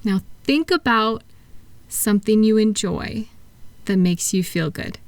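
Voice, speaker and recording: In a soothing audio roleplay, a woman plays a gentle therapist, her soft voice at a typical female pitch and close to an everyday sound. Unhurried and kind, she patiently guides her patient with encouragement and reassurance, recorded dry with little room sound.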